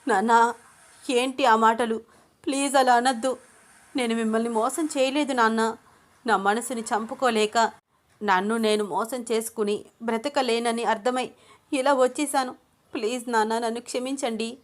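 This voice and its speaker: A woman's voice: fairly high pitch, fairly even intonation, moderate pace, voice pushed up, close to an everyday voice. A woman voicing a frightened young bride who pleads tearfully with her father. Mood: pleading.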